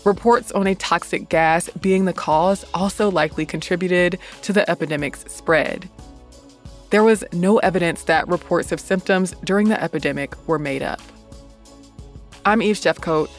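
A woman hosting a podcast reads scripted history in a measured, deliberate way, sounding muffled as if recorded in a closet. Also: fairly low pitch. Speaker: podcast host. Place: small home closet. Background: music.

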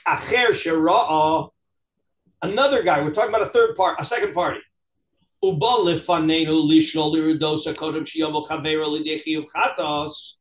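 A man teaches a Talmud class as a rabbi, reading aloud and explaining in an animated, questioning way. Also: high voice, roomy sound. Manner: animated, questioning, acts out examples in dialogue. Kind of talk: interactive text lesson, reading aloud and explaining.

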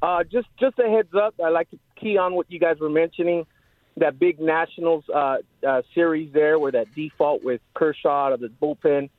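A man's voice: fairly high pitch, normal speed, dry recording. Man calling in over a tinny phone. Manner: rambling, leans on "you know". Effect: heard over a phone line. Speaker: radio call-in caller. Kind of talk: casual call-in chat.

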